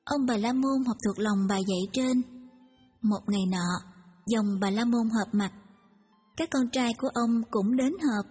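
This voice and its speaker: A woman narrating a story in a steady storytelling way. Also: a little high, unhurried, husky. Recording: reverberant hall, music behind.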